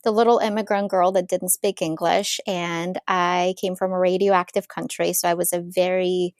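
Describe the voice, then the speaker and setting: A woman from Ukraine in her thirties, a psychologist telling her story as a podcast guest in an eager, lively way. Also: lowish voice, normal speed, dry recording, clean studio sound. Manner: warm, eager storytelling with frequent laughs. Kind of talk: casual interview.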